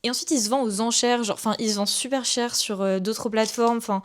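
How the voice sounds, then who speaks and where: A woman's voice: on the high side, steady tone, fairly quick. A young woman book vlogger talking casually at her desk at home, enthusiastic and chatty with many fillers. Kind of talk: casual vlog chat.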